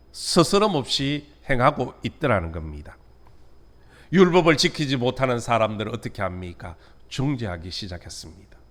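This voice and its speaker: A man preaching a midweek sermon as pastor, lifting his voice on key words and letting sentence endings fall away softly. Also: fairly high pitch. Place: church sanctuary.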